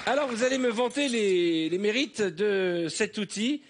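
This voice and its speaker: A man's voice: sits high, expressive. A man hosting a comedy game show on a TV studio stage. He teases the players and laughs between his lines. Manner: teasing, quick asides, laughing. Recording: loud studio music underneath.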